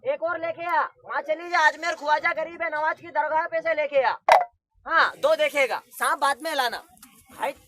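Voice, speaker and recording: A man performing as a street magician, loudly coaxing and commanding the crowd around him in a patter. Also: very high voice, moderate pace, heavy background noise.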